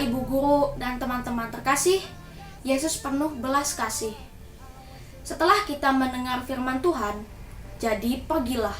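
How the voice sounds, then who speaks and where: Bright high woman's voice reading a devotion. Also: a little hiss or hum. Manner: formal, recited address to teachers and classmates. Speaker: devotion leader at a school. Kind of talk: scripted Bible reflection. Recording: echoey room.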